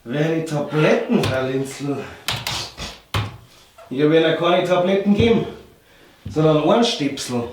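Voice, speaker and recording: A man's voice: on the high side, measured pace, pauses often, close to an everyday voice. Man playing a doctor, very echoey room. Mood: matter-of-fact, reassuring. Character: matter-of-fact, reassuring male village doctor. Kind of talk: comedy sketch dialogue. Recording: very echoey room, distant mic, noisy.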